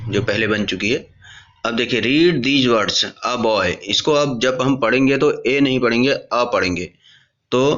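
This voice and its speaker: A man with an Indian accent teaching English grammar in Hindi, reading English phrases slowly word by word and then explaining them. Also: medium pitch, fairly bright tone. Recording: dull lo-fi recording.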